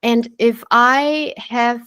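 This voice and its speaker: A Singaporean health coach in her forties gives a live online presentation over a video call, earnest and chatty, packed with fillers and "okay?" check-ins. Her voice is a little high, fairly even, fairly bright, and smooth, with drawn-out words. It's captured on a computer mic but sounds studio quality with no echo.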